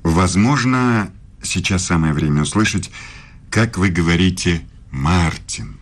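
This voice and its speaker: In a radio play, an actor portrays a married, middle-aged philosophy professor, his formal speech carrying a quiet, insinuating intimacy. The male voice is low, somewhat slow, and lively in intonation, with a seductive, teasing mood.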